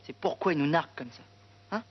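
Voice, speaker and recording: An actor playing a nervous, fast-talking, whiny cop in film dialogue. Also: male voice, a little high, lively intonation, breathy edge. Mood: earnest. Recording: dull film soundtrack with noise.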